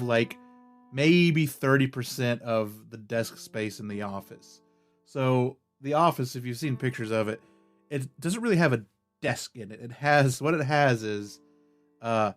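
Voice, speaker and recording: A man hosting a podcast in a casual chat, rambling along with lots of fillers and a keen, easygoing way of talking. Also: medium pitch. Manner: rambling, full of "like" and "uh". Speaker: podcast host.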